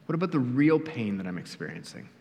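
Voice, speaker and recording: A man preaching a sermon in an earnest, storytelling way, often dropping quiet for emphasis. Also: mid-range voice, sing-song, fast talker, creaky, long reverb tail, muffled recording. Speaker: pastor. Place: church.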